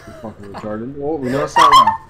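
A man's voice: medium pitch, huge pitch swings, fast talker. A young man gaming with friends, joking crudely in slang. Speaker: gamer on voice chat. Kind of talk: casual gaming banter. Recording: loud crowd noise.

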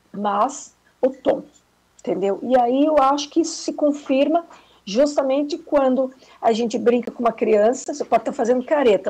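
A woman's voice: on the high side, dark tone, husky, poor audio. A woman guest on a talk show, telling a reflective story about motherhood in a casual chat over a video call.

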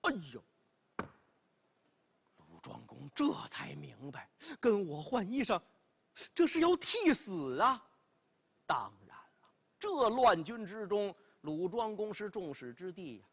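A man's voice: high voice, very animated, unhurried, breathy edge. A middle-aged man performing traditional Chinese storytelling on stage in an emphatic, dramatic, exclamatory manner. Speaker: pingshu storyteller. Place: television studio stage.

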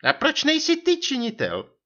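A man reading a story and voicing an indignant, theatrical young wife in a high falsetto. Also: wildly swooping pitch, pushed and bright, dull audio, full character voice. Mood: indignant scolding. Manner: shrill falsetto scolding.

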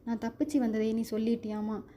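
A man's voice: high voice, monotone, a little fast, mellow, slight background noise, lightly acted. A woman voicing a grieving male escaped convict who talks in a pleading, bitter way.

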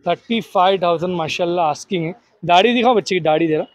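Guy, high voice, hyping goats for sale, chatty, dry sound no echo. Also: fast. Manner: chatty, repeats answers back, upbeat sales patter. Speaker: host of a livestock sale video. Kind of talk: casual on-location interview.

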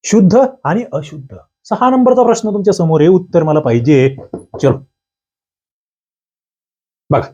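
A man teaching an exam-prep grammar lecture, lively and coaxing, asking students for answers. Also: a little high, unhurried, pauses often, slightly rough, muffled recording.

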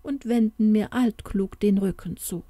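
A woman's voice: medium pitch, a little slow, dark tone, no room sound, voice pushed up, lightly acted. A woman voicing a sad young woman who is the fairy tale itself, in a pleading, plaintive way.

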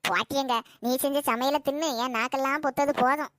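A woman's voice: high voice, fairly even intonation, brisk, no echo, clean studio sound. A woman playing a nagging old village mother. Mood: suspicious. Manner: nagging and sharp-tongued. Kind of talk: comedy skit acting.

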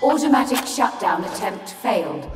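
A woman voicing an automated reactor alarm system, giving flat, clipped warnings over an echoing public-address speaker. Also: mid-range voice, normal speed, background noise. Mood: urgent alarm. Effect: echoing public-address announcement. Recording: echoey hall over loud game music.

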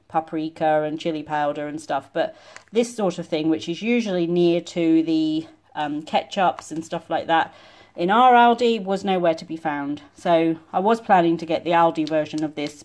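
A woman's voice: low-pitched, a little mellow. A middle-aged woman from the States chatting casually through her grocery haul in a home kitchen, rambling with lots of ums. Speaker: vlogger doing a grocery haul. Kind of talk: casual chat over products.

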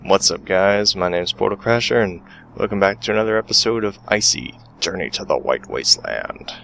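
Male let's play host, low and gravelly, reads text, reacts loudly. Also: moderate pace, slight background noise. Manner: reads game text aloud and reacts with sudden excited outbursts. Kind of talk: casual gameplay commentary.

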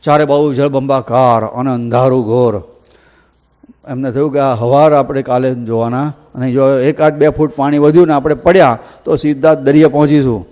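A man telling a devotional story in a folksy, animated way, acting out the villagers' voices. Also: medium pitch, moderate pace. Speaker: katha storyteller. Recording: echoey hall reverb.

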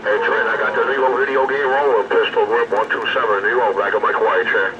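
Man on a CB radio channel, clipped CB slang, buried in loud static. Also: on the low side, steady tone, a little fast. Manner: clipped CB slang and handle call-outs. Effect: heard over a CB radio set. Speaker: CB radio caller. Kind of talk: CB radio chatter.

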